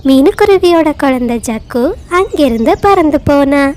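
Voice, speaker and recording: A woman narrating a children's cartoon fable in a steady storytelling way. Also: sits high, moderate pace.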